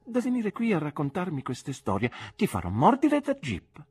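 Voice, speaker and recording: A woman voicing a timid, childish young woman who is easily frightened, speaking in a high, plaintive, pleading way. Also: wildly swooping pitch, moderate pace, darkish tone, husky, no room sound, clean studio sound, heavily acted. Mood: petulant.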